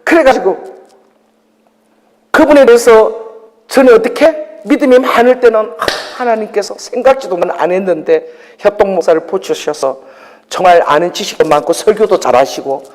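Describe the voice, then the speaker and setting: A female pastor preaching with personal testimony, swinging between loud exclamations and soft asides and laughing at herself. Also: medium pitch, moderate pace. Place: church hall. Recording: long hall reverb.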